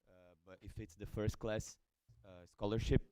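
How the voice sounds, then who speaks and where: A man asking a question as a student, in halting non-native phrasing. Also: fairly low pitch, fairly even intonation, mellow, clear, resonant tone, no room sound. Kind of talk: spontaneous audience question.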